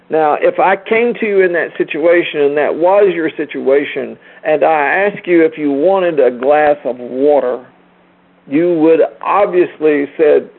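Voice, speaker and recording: A man's voice: a little high, narrow, tinny audio. A man giving a sermon-like spiritual lecture, emphatic and rhetorical, repeating phrases and addressing his listeners directly. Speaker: speaker teaching a group.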